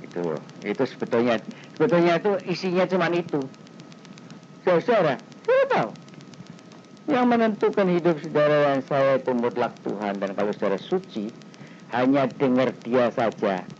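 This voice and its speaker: A man preaching a sermon in an animated, conversational way, with sudden leaps in pitch. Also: normal speed. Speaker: pastor. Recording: dull, slightly noisy 1990s recording.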